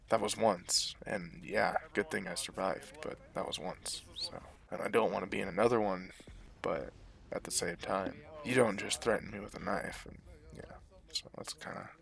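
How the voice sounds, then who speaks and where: A man's voice: fairly low pitch, gravelly. A man casually telling a personal story to his viewers, rambling and profane, full of fillers and restarts, blunt and boastful. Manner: blunt, boastful, chuckles between lines.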